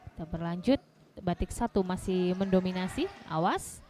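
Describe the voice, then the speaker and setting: Higher-pitched Indonesian woman co-commentating futsal. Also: lively intonation, moderate pace. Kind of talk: live sports commentary. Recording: faint background venue noise.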